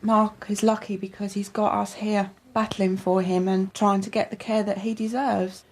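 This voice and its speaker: A woman's voice: medium pitch, little pitch movement, normal speed, slight background noise, rough recording. A woman in a documentary interview speaking earnestly as a family member about care.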